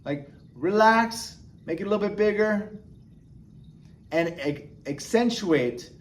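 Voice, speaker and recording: Taking it slowly, a man with a high, animated voice gives a casual, encouraging beginner lesson in sign language. He chats along and checks in with the viewer frequently, asking "okay?" and "right?", over a little hiss or hum.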